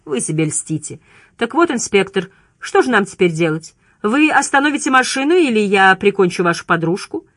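A woman's voice: mid-range voice, very animated, moderate pace, a bit bright, dry recording, studio quality. A woman voicing a menacing, cruel male killer who jeers and mocks in an audiobook reading. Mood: taunting. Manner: jeering, mocking taunts.

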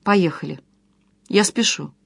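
A woman's voice: on the low side, unhurried, creaky, husky, dry recording, full character voice. A woman reading the part of a headstrong young bride who speaks firmly and with indignation. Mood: indignant. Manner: indignant, firm.

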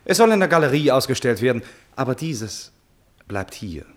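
A man performs the part of a lovestruck prince, impulsive and wrapped up in himself, for a classic German radio drama, full of dramatic outbursts and thoughtful asides. Eager and generous in mood, he speaks at medium pitch and moderate speed, very animated yet close to an everyday voice.

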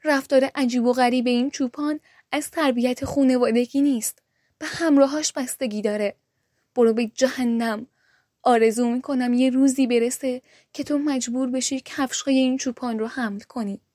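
A woman's voice: high-pitched, fairly even intonation, a little mellow, no echo, studio quality. Wise, outspoken merchant's wife, read by a woman. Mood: defiant. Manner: firm and outspoken. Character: wise, defiant young noblewoman, merchant's wife.

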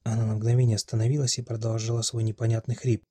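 A man reading a fantasy audiobook in a measured, wry narrating voice. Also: medium pitch, level tone, dark tone, husky, no room sound.

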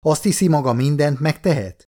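A male audiobook reader voicing an angry old male government minister who shouts in outrage. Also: on the high side, pitched above the performer's own voice, close to an everyday voice. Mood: furious. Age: older.

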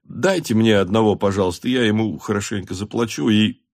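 A man's voice: lowish voice, a little fast, no room sound, studio quality. A man reading a novel aloud, voicing a fawning, self-satisfied officer who asks favours politely. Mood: ingratiating. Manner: ingratiating, polite.

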